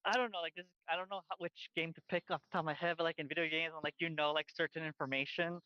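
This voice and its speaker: A man's voice: a little high, steady tone, rapid-fire, clear, resonant tone, no echo, muffled recording. A man co-hosting a podcast in casual chat, rambling with lots of fillers and restarts while wearing headphones. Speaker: podcast co-host. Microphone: headphones on, outdoors by a busy street.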